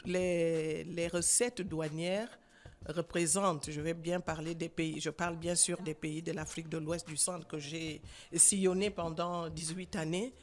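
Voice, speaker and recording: A woman in her sixties with a deep, steady voice and a Gabonese French accent is a guest author being interviewed in a radio studio. She speaks earnestly and emphatically, pausing often and using fillers.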